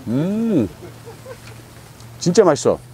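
A man in his fifties hosting a camping vlog, chatting casually through a face mask with relaxed, joking asides. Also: fairly high pitch, takes it slowly, slight background noise. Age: 50s. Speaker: vlog host on a camping trip. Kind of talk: casual chat.

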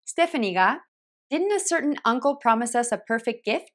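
A woman with a slightly high voice leads an online pronunciation lesson. She explains each point carefully and clearly. She demonstrates phrases slowly and repeats them. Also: expressive. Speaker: English pronunciation teacher.

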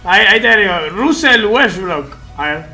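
A man's voice: high-pitched, lively intonation, normal speed, pushed and bright. A man with an Argentine Rioplatense accent, chatting casually with his live-stream chat in slangy, easygoing talk while he plays a game. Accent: Argentine Rioplatense Spanish. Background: faint game music.

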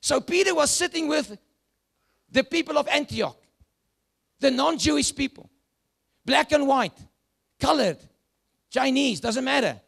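A South African man preaching a sermon, moving between loud shouts and hushed, dropping asides. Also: extremely high pitch, lively intonation, measured pace, creaky, long pauses. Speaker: pastor.

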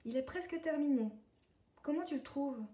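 A woman's voice: sits high, normal speed, dark tone, pitched above the performer's own voice, close to an everyday voice. Woman doing an eager little storybook friend. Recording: echoey room, distant mic.

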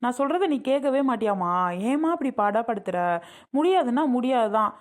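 A woman's voice: medium pitch, fairly even intonation, quick pace, lightly acted. Woman playing a defiant young bride-to-be. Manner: defiant, arguing back. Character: stubborn young woman refusing marriage. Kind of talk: family skit acting.

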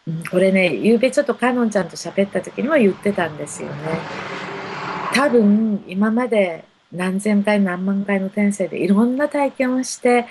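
A woman giving unhurried spiritual messages to viewers of a live stream, speaking gently with many soft fillers. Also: medium pitch, slight background noise, rough recording. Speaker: spiritual counselor.

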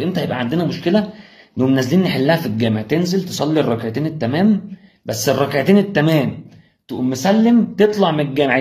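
Rapid-fire young Egyptian preacher. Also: male voice, a little high. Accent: Egyptian Arabic. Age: young adult. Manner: rapid rhetorical questions aimed straight at the listener. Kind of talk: motivational religious talk.

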